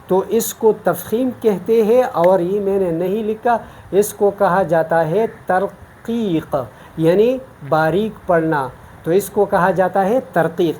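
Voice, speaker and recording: A woman from Pakistan gives an online lesson on Quran recitation, with a middle-pitched voice. She explains each rule patiently, one step at a time, and slows down to demonstrate the examples she recites. A faint hiss sits behind her voice. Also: warm tone.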